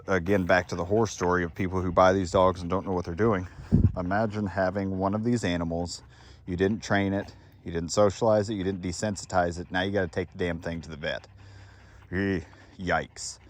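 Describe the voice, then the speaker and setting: A man who trains dogs, giving an unscripted outdoor talk in a casual, blunt, rambling way with lots of fillers. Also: deep voice. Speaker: dog trainer and kennel owner.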